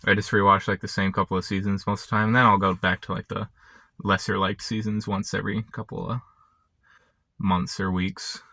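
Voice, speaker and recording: A young man chatting casually and unscripted to camera, halting and often interrupting himself as he rambles. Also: on the low side, flat delivery, pushed and bright, no echo. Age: young adult. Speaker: vlogger. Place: inside a parked car. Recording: background noise, vehicle ambience.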